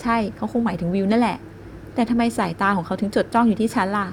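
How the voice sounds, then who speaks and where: A woman narrates a romance novel in the first person. Her voice sits at a middling pitch. She keeps a gentle, even storytelling pace. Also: fast, a little hiss or hum. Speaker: audiobook narrator.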